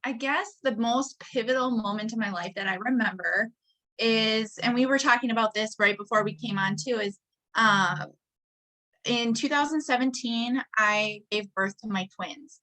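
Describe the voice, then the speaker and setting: During an interview, a Wisconsin woman in her late twenties, there as a guest entrepreneur, shares personal stories with sincerity, laughing frequently and restarting her sentences. She talks at normal speed with a fairly high, pushed, bright voice on a rough recording.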